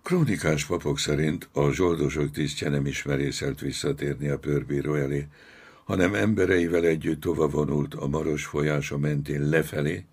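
A man narrating a novel as an audiobook, measured and dramatic. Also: rumbling low, fairly even intonation, darkish tone, breathy edge. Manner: slow, measured, dramatic storytelling.

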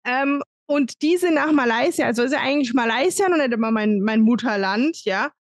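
A woman's voice: a little high, lively intonation, fairly quick, no echo. A woman in her thirties co-hosting a podcast, talking frankly and emphatically in casual chat from a home room on a studio mic. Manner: frank, emphatic, plain-spoken. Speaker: podcast co-host. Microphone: studio mic on arm, video call.

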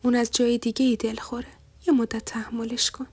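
A woman's voice: fairly high pitch, level tone, a little mellow, slightly rough, no echo. A woman voicing a caring but firm middle-aged mother who coaxes and scolds. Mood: soothing.

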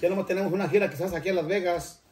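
A man's voice: high voice, fairly even intonation, racing, darkish tone. An older man, hosting a cooking channel and chatting casually to viewers in a rambling way that often stops and restarts. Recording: roomy, echoey room.

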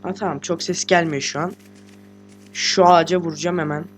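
A teenage boy, a gaming host, giving casual let's-play commentary while sick and talking quietly, chatty, slangy and joking with swearing. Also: a little high, steady tone, a little fast, over music. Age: teens. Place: room at home with a computer.

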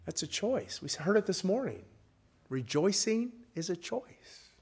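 A man preaching a sermon in a church, quoting old King James scripture and asking the congregation questions, dropping from loud to hushed. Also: sits high, sing-song, unhurried, husky. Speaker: guest preacher. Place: church sanctuary.

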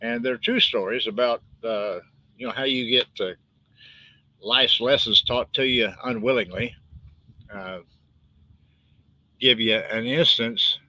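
A man's voice: medium pitch, slow, pauses often, bright, forceful tone, dry recording, low-quality recording. An older man with a West Texas twang, an author chatting casually and rambling in a folksy way on a live stream. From West Texas, United States. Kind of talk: casual live-stream chat about own books.

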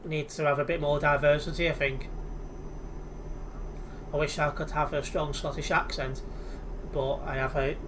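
Fairly high-pitched and fairly flat, the voice belongs to a young English gamer casually chatting as he streams from home through a headset. He talks at a moderate pace, pausing a lot and restarting often, while noise runs in the background.

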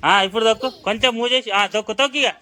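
A man's voice: very high-pitched, rapid-fire, pushed and bright. Telangana-accented man urging a child on. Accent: Telangana Telugu. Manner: urging, repetitive commands. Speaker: family vlogger. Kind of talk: casual coaching while filming.

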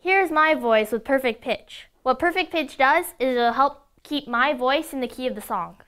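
A young woman with a slightly high voice walks through a toy product demo. She explains each feature step by step in an upbeat, scripted way. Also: moderate pace, sharp tone. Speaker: product demonstrator.

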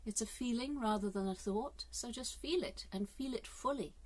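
Filming herself inside a caravan on a phone held at arm's length, a vlogger from England in her fifties offers a casual reflective monologue. She speaks at normal speed in a slightly high voice, earnest and thoughtful, often hesitating with fillers.

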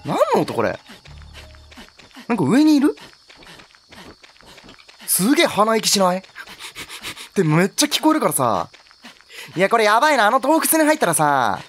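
Jumpy, wildly animated male game commentator. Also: sits high, normal speed, pauses often, a little hiss or hum. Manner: jokey, yelps and exclaims at scares. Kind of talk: horror game let's play commentary.

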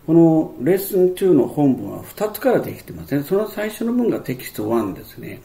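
A man's voice: a little high, sing-song, brisk, creaky, mellow. A man explaining an English textbook lesson in a rambling way, with many fillers and restarts. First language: Japanese. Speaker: English teacher.

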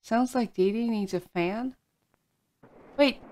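A woman's voice: fairly high pitch, takes it slowly, darkish tone, slight background noise. A woman streamer chatting casually with her viewers, reacting to chat with frequent laughter and yawning from tiredness.

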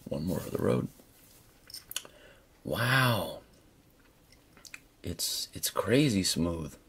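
Very deep, gravelly-voiced man reviewing casually. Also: big pitch swings, unhurried, hardly any pauses, a little hiss or hum. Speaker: product reviewer. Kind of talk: casual hands-on video review.

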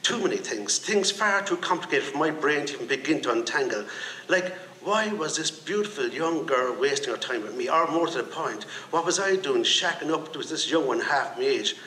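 A man's voice: on the high side, animated, normal speed, sharp tone, slight background noise. A man reading his own short story aloud at a live event, in a wry, conversational, ranting voice. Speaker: author reading. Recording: echoey room, faint ambience.

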